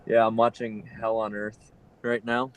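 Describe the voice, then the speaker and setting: A man's voice: lowish voice, level tone, unhurried, clean tone, dull audio. A man on a racing podcast panel, talking in a laid-back way, trailing off and laughing as he chats. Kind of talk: casual chat.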